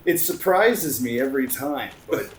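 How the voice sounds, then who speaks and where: A man co-hosting a gameplay series, commenting casually, joking and quick to cheer at the action on screen. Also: medium pitch, expressive. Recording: echoey room with faint background noise.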